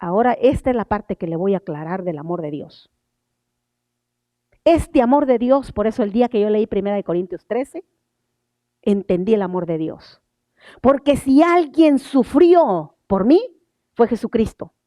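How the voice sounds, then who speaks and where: Older female preacher, emphatic, slow scripture reading, dry close sound. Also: mid-range voice, expressive, dry recording. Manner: emphatic, rising on key words, then drops to soft asides; reads scripture slowly and deliberately. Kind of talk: sermon. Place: church sanctuary.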